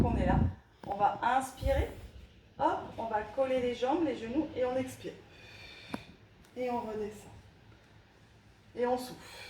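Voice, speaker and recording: Woman teaching pilates, counts reps slow and steady, echoey room, sounds far from the mic. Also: a little high, background noise. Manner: brisk counting and breathing cues. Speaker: pilates instructor. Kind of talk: guiding a live fitness class.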